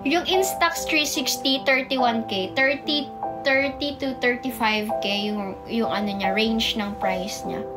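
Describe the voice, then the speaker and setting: A woman's voice: a little high, slow. A young Filipino woman chatting casually on a livestream, bubbly and chatty, reading comments and greeting viewers by name, a little tongue-tied from a sore in her mouth. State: sore mouth from a canker sore, stumbling over words. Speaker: idol livestreaming to fans. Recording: music playing in the background.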